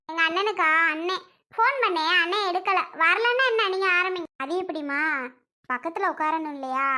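A woman's voice: very high-pitched, sharp tone. A woman voicing several bickering and tearful women relatives in a family skit, talking in a chatty, exclamatory way.

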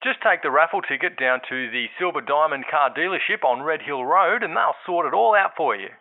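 A man's voice: a little high, expressive, fairly quick. A man playing a matter-of-fact caller announcing prizes, heard through a telephone. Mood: businesslike. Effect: telephone filter. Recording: tinny phone line.

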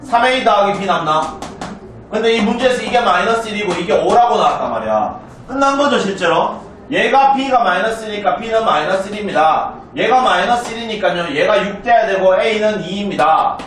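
This South Korean man teaches math to a class, briskly and chattily, and checks in with students again and again to make sure they understand. His voice sits high, animated and a bit bright. A far-off mic in a roomy classroom picks up a little hiss or hum.

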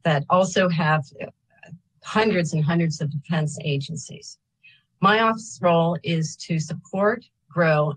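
A woman's voice: lowish voice, breathy edge, rough recording. A woman from a state agency reading a prepared statement of support at a public hearing over a video call, with small slips and corrections as she reads figures. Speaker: state agency representative giving public testimony. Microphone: computer webcam on a video call.

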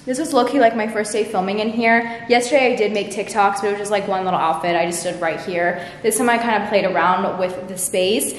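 A woman in her early twenties, a lifestyle vlogger, chats casually to camera in a loose, filler-heavy style, her medium-pitched voice moving a little fast with few pauses. She's in a large, mostly empty room of a house, recorded by a camera at arm's length or on a tripod. The bare room sounds echoey, with faint background noise.

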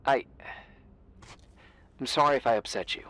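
An actor playing a calm, cryptic official who speaks in a soft, measured way in video game dialogue. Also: male voice, mid-range voice, natural voice.

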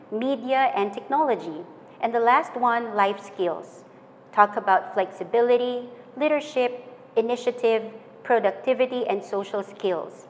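Young woman, commencement speaker, earnest and measured, lapel mic in a reverberant room. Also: mid-range voice. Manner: measured, earnest, list-like delivery. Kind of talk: formal graduation speech. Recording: hall reverb with faint noise.

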